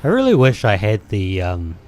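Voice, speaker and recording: Low-voiced rambling New Zealand man. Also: wildly swooping pitch, moderate pace, a little mellow, a little hiss or hum. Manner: rambling, hesitant, many ums and restarts. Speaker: let's play host. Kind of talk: casual gameplay commentary.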